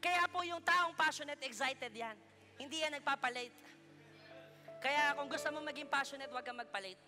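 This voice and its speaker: A Filipino pastor preaches in a high, ringing voice, joking with his congregation between points. Music plays clearly beneath his sermon in a church hall. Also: normal speed. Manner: lively preaching with playful asides to the congregation.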